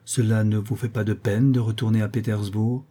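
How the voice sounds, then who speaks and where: A man's voice: lowish voice, little pitch movement, moderate pace, dark tone, breathy edge. A man voicing a nervous, hesitant prince in a read-aloud novel, speaking in a subdued way. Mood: anxious. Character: anxious nervous male prince, middle-aged suitor.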